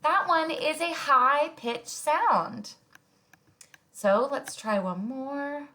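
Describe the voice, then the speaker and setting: A woman teaching a music lesson to preschoolers, talking gently and simply and showing high and low sounds with her voice. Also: extremely slow. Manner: gentle, speaks simply to small children. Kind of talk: recorded lesson for young children.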